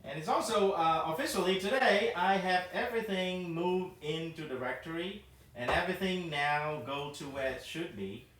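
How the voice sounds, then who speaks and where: Higher voice priest guy, lots of uhs, echoey far mic. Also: animated, fairly bright tone, a little hiss or hum. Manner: halting, many fillers, laughs often. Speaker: priest co-host. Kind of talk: casual chat. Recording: echoey room, mic at a distance.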